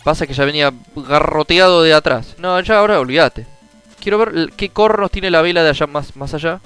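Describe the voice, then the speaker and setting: A young man with a Rioplatense Spanish accent giving casual commentary on a retro game, frustrated, swearing often and bursting into shouts. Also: fairly high pitch, a little fast, smooth, faint music behind, poor audio. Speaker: gameplay streamer.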